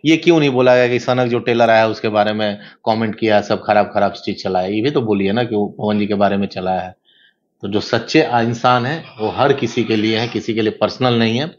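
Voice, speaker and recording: A man, giving an interview in an animated, emphatic, lecturing way. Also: on the low side, a little hiss or hum. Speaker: interview guest. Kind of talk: casual interview talk. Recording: dull lo-fi sound.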